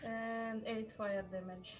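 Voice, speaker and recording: A woman player calls out dice rolls at an unhurried, halting pace, filling the gaps with "uh". Her voice is a little high, and faint music runs underneath. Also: flat delivery. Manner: hesitant, full of "uh"s. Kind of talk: tabletop game play over voice chat.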